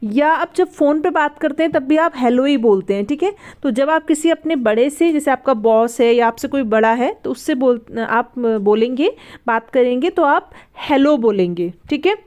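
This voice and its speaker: A woman teaching beginners English, spelling each word slowly, repeating it and asking learners to say it back. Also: high-pitched, animated, darkish tone. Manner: spells words letter by letter slowly. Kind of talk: spoken language lesson for beginners.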